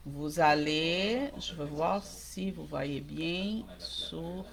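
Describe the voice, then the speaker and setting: A woman's voice: low-pitched, drawn-out words, vocal fry, crowd noise. Female coach with a mixed Québécois-Brazilian accent, live-stream workshop host, direct with viewers and checking in often. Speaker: small-business coach.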